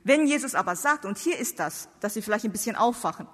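A non-native German speaker from outside Germany, this woman preaches theology with emphatic rhetorical questions, her medium-pitched voice lively, quick, and edged with breath. She stands before a seated audience in a large hall, and the long reverb of the space fills the recording.

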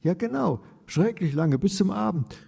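A man's voice: high voice, expressive, moderate pace, gravelly, warm tone, breathy edge, voice pushed up, exaggerated voice. Baruch, a man doing an eager boy in a reverberant room. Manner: talks in a rush, jumbled. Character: chatty young boy, eager and earnest. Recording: long reverb.

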